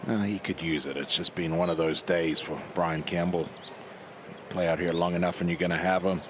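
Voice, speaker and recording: A man's voice: low-pitched, steady tone, moderate pace, background noise. A man giving live golf commentary in an informal, conversational way, as an analyst.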